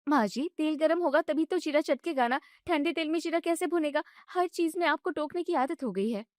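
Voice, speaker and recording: A woman voicing a young newlywed daughter-in-law who argues back in a high, exasperated voice. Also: a little fast, dry recording, clean studio sound, natural voice. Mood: indignant. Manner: high, protesting complaints.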